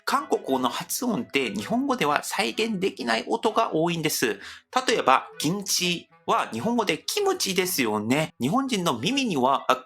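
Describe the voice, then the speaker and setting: A man from Seoul with a Korean accent, a native Korean speaker, hosting a language-learning video and explaining with demonstrative examples. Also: high voice. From Seoul, South Korea. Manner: lively, animated delivery with demonstrative examples. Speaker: host.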